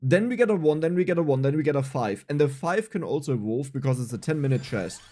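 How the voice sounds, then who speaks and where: A man's voice: fairly high pitch, animated, fast talker, warm tone. A young adult man with a German accent, streaming a game, reading chat aloud and answering it with self-mocking humor. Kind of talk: casual livestream gameplay chat.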